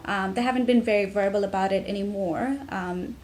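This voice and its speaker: A young woman from Tanzania, talking to camera about her family in a reflective way, with many pauses and restarts. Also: medium pitch, darkish tone. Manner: reflective, frequent ums and restarts. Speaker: vlogger. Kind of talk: personal talk to camera.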